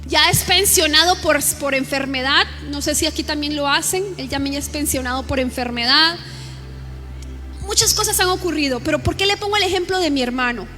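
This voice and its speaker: A woman pastor delivers an impassioned sermon in a very high voice with a bright, forceful edge. She drives her points home with repeated rhetorical questions. Soft music plays faintly behind her. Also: brisk.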